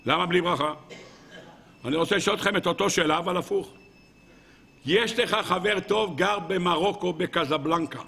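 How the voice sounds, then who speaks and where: Man, rabbi, sermon, high voice, bright tone, animated, questions to the audience. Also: gravelly, long pauses, breathy edge. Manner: animated preaching, swinging from loud exclamations to soft asides.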